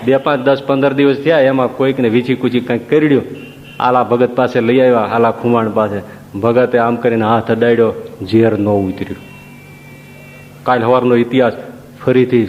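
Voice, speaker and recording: A man's voice: mid-range voice, a little hiss or hum. A man telling devotional stories in a sermon, often asking his listeners questions. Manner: storytelling with rhetorical questions. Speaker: preacher. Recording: long reverb, dull lo-fi sound, faint ambience.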